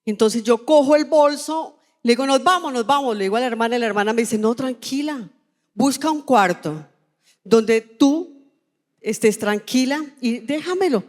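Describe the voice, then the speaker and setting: A woman's voice: fairly high pitch, animated, normal speed, darkish tone. A woman pastor with a Colombian accent preaching a sermon as personal testimony, telling her story with emotion and acting out the dialogue. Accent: Colombian Spanish. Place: large church hall. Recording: long church-hall reverb.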